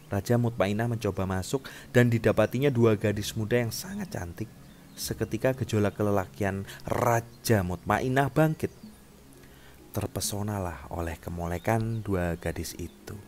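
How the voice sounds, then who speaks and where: A man narrating a traditional tale with a measured, dramatic reading. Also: on the low side, creaky, darkish tone, slight background noise. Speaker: storyteller. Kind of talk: storytelling narration.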